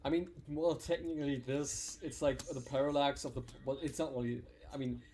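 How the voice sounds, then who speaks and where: A man's voice: mid-range voice, little pitch movement, a little fast, mellow. A young man hosting a casual chat, who stumbles, repeats words and breaks into laughter easily. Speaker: podcast host.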